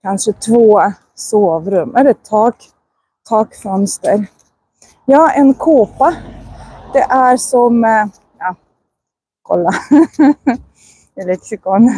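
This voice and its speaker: A woman with Russian as her first language, teaching Swedish in a casual walking vlog outdoors, enunciating words slowly and carefully and laughing often. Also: on the high side, expressive, mellow, slightly rough. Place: outdoors on a residential walk.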